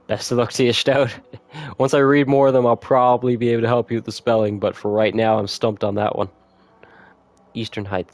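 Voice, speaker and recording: A man chatting casually with viewers on a gaming livestream, laid-back and quick to laugh. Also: mid-range voice. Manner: relaxed, chatty, laughs often, reads notes aloud. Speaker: streamer.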